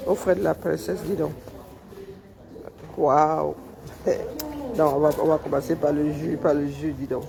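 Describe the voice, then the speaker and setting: Loud, teasing woman with a Cameroonian lilt. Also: deep voice, fairly even intonation, unhurried, vocal fry, pauses often, crowd noise. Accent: Cameroonian French. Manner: loud, teasing, joking banter. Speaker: vlogger filming coworkers. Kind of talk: casual workplace vlog chat. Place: workplace break area, indoors. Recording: coworkers chatting in the background.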